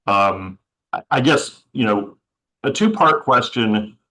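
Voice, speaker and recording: A man's voice: lowish voice, animated, slow pace, pushed and bright, rough recording. A man moderating a policy panel who is losing his voice and asks long, rambling questions.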